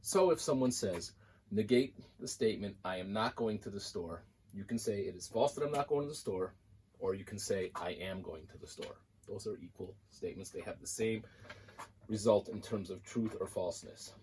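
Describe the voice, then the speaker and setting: A man with a fairly low voice gives a classroom lecture, talking through examples on a board. He explains in an easy, conversational way, and faint noise sits under the recording. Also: normal speed, a little mellow, low-quality recording. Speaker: college math instructor.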